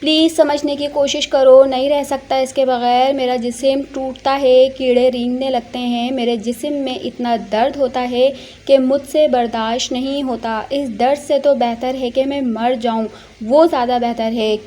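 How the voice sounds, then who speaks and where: A woman's voice: high voice, steady tone, moderate pace, warm tone, close to an everyday voice. A woman voicing a desperate young man in drug withdrawal, pleading in anguish.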